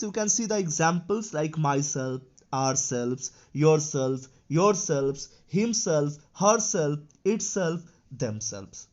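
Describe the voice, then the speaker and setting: Man as a grammar teacher, very animated pitch, dull lo-fi recording, poses questions and answers them himself. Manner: explains step by step, asks and answers his own questions, says "you know" often. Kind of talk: classroom grammar lesson.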